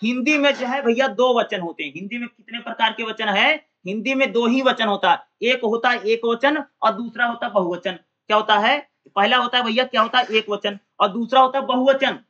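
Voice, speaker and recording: Man, exam-prep teacher, high voice, asks and answers himself, repeats terms, dull lo-fi audio. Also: pushed and bright. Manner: asks and answers his own questions; repeats key terms, drawn-out syllables.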